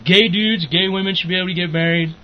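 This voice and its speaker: A man's voice: high voice, fairly even intonation, fast talker. A young man co-hosting a podcast in crude, profane casual chat, rambling and laughing often. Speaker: podcast co-host. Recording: muffled lo-fi with faint noise.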